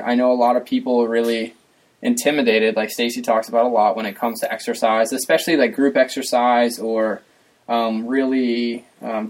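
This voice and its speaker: A man's voice: mid-range voice, low-quality recording. A man chatting as a guest on a podcast, talkative and laughing often. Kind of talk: casual chat.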